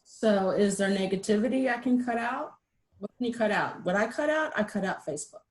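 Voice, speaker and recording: A middle-aged woman with a medium-pitched voice talks briskly through a casual webinar on a video call. She comes across as chatty, lively, and ready to laugh at herself.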